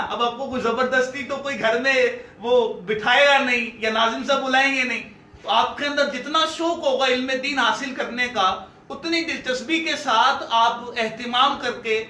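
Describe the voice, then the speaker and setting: A man's voice: very high-pitched, sharp tone, reverberant, slight background noise. A man teaching Arabic grammar in an online class, explaining step by step and speaking straight to his students. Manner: explanatory, addresses students directly.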